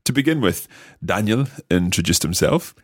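A man's voice: on the low side, big pitch swings, normal speed, husky, no echo, studio quality. A man from Scotland, co-hosting a language lesson as a learner and translating phrases step by step. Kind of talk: casual lesson talk.

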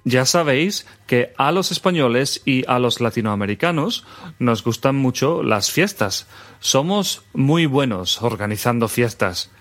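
A man from teaching phrases in a scripted podcast lesson, repeating them clearly. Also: mid-range voice, expressive, unhurried, a bit bright. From Spain. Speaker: language teacher, co-host.

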